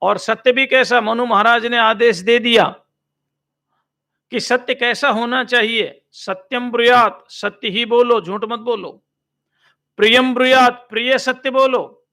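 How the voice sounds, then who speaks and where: A swami giving a slow, measured religious discourse, chanting Sanskrit verses and explaining each one. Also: male voice, very high-pitched, pushed and bright.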